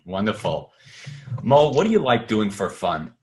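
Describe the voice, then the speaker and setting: Low-voiced male interview host. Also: very animated, unhurried, darkish tone. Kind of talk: casual interview questions.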